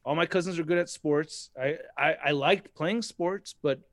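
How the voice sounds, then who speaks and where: A man with a high-set voice talks as a guest in a casual chat. He rambles, stops and restarts, and laughs at himself often. The sound is dry and close. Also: moderate pace, no echo. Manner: laughs often, self-deprecating; rambling, many fillers and restarts. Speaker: interview guest.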